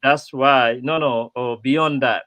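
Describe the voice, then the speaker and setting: A man hosts a live-streamed show, rambling and halting as he fills gaps with fillers. His voice sits at a middle pitch and is recorded dry, with little room sound. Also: steady tone, a bit bright, dry recording. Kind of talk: casual live-stream hosting.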